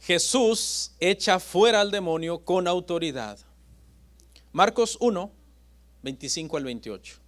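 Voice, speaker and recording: A man preaching a sermon as pastor, with dramatic pauses and swings between loud and soft. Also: high voice, lively intonation.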